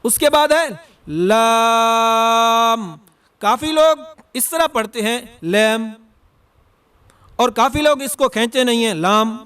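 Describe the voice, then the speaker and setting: A man with a strikingly high voice teaches how to pronounce letters. His tone is smooth and clear as he stretches each sound to show it. He corrects errors firmly and repeats the point. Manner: slow and deliberate, demonstrating letters with drawn-out sounds. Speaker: Quran teacher. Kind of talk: Quran recitation lesson.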